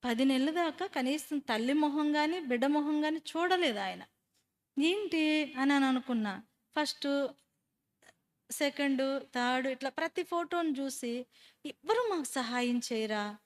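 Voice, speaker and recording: A woman with a high, bright voice tells her faith story to a church group. She speaks as a storyteller and keeps turning to her listeners with questions. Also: measured pace. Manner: animated storyteller who quizzes listeners. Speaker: speaker giving a personal testimony.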